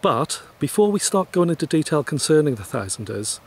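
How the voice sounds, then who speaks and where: A man's voice: on the high side, very animated, a little fast, husky. A man interviewing a guest in a polite, hesitant way, with many fillers. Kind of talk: conversational interview.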